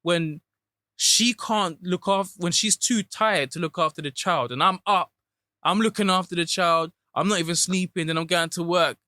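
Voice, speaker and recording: A man's voice: high voice, moderate pace, bright, forceful tone, no room sound, studio quality. A man in his thirties with a London accent, chatting casually as an interview guest in roadman street slang. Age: 30s. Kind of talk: casual chat.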